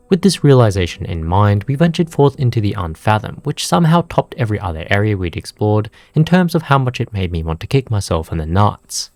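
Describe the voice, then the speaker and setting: Low, lively, sarcastic male game narrator. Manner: sarcastic, profane, deadpan jokes. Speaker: gaming video narrator. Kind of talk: scripted comedic gameplay narration.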